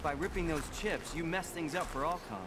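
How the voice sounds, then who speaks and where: A man playing an earnest, gentle male rebel ally who talks quietly. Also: fairly high pitch, fairly quick, heavy background noise, lightly acted. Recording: game audio, distant and quiet.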